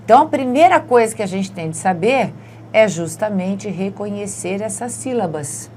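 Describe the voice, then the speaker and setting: A woman's voice: medium pitch, expressive, moderate pace, a little mellow, a little hiss or hum. A woman with a Brazilian Portuguese accent teaching an exam-prep grammar lesson, explaining step by step and checking in with her students after nearly every point.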